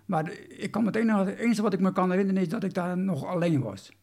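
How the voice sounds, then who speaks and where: A man's voice: high-pitched, fast talker, creaky, darkish tone. A man, recounting a personal story in an interview, hesitant with many restarts.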